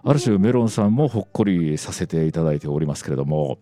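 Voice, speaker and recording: Low-voiced man hosting casual radio chat. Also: animated, quick pace, warm tone, dry recording. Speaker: radio DJ host.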